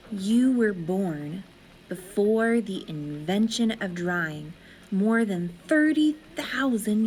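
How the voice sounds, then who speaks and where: Reading a children's story aloud, a woman narrates expressively in a mid-range voice, with deliberate, dramatic phrasing.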